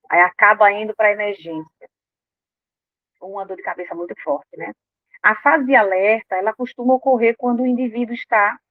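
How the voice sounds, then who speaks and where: A woman giving an informal talk on emotional health to a live audience, animated and acting out quoted inner voices. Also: medium pitch, no echo. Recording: dry, tinny phone-like sound.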